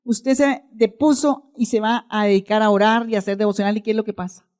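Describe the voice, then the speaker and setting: A woman's voice: medium pitch, steady tone, fairly quick, a little mellow. A middle-aged woman preaching a sermon, asking her congregation questions and answering them herself.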